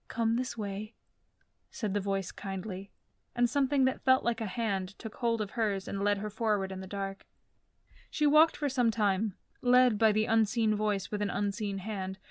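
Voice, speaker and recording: A woman giving soft, gentle, unhurried storybook narration. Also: mid-range voice, no echo.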